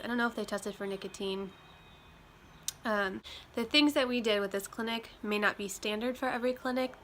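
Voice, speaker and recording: Nasal from a chest cold, this young vlogger from Iowa chats to camera in a medium-pitched, slightly bright voice, loose and rambling with plenty of ums. She's in a room at home with the windows open, where faint traffic and wind chimes can be heard.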